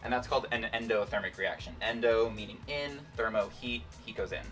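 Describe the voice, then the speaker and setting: A man's voice: on the low side, brisk, a bit bright, recorded from a distance, soft background music. A man hosting a casual science demonstration, explaining things informally and playfully. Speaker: host, scientist.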